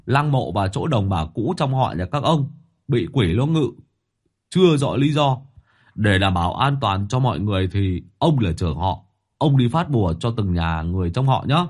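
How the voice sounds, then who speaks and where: A man voicing a bossy exorcist who gives loud, brusque orders. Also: on the low side, slightly rough.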